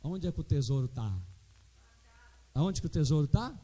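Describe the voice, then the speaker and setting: A man's voice: on the high side, expressive, moderate pace, mellow. A middle-aged man with a Brazilian Portuguese accent preaching a sermon as pastor, calling out to the congregation for responses.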